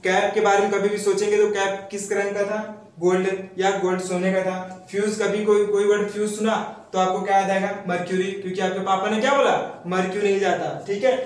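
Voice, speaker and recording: A man teaching memory tricks and asking questions he then answers himself, in a steady explaining manner. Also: sits high, brisk. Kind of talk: mnemonic lesson for students. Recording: very echoey room, mic far off.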